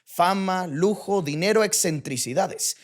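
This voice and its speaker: A man's voice: high voice, measured pace. A man narrating a music documentary in a scripted, dramatic style with short listed phrases. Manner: dramatic, clipped listing phrases.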